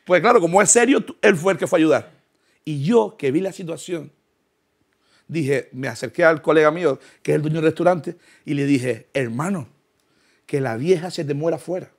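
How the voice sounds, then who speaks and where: A man's voice: fairly high pitch, moderate pace, vocal fry. A young man tells a comic story, acting out voices and laughing as he goes. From Canary Islands. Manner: animated, acts out voices, laughs through lines. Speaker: comedian.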